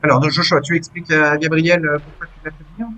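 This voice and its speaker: Man, game master, tabletop game, hesitant, fairly high voice. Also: flat delivery, fast, sharp tone. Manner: hesitant, many fillers.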